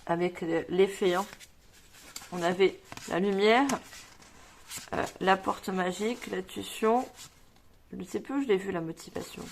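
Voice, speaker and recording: Woman, tarot reader, rambling delivery with lots of fillers, mid-pitched, everyday voice. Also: unhurried, gravelly, long pauses, slight background noise. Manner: rambling, fillers and self-repeats, reads cards aloud. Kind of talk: tarot reading video.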